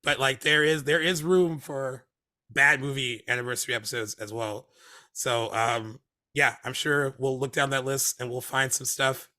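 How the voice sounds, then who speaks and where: His voice mid-range, bright, and forceful, a Hermosa Beach, California man co-hosts a movie podcast while getting over laryngitis. The chat is casual and meandering, packed with fillers and restarts.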